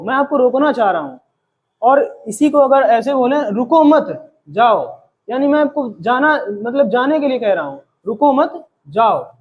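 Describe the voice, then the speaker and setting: A man teaching a grammar lesson, explaining each term by asking a question and then answering it, slowing down to recite example verses. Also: very high voice, husky, poor audio.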